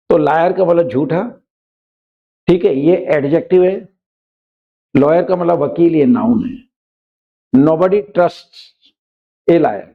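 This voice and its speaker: A man teaching vocabulary with a gravelly, fry-tinged voice and a slightly high pitch. He walks through each point patiently and checks in with his students as he goes. The recording sounds dull and lo-fi. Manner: explains step by step, often asks "right?". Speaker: English teacher. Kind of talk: classroom vocabulary lesson.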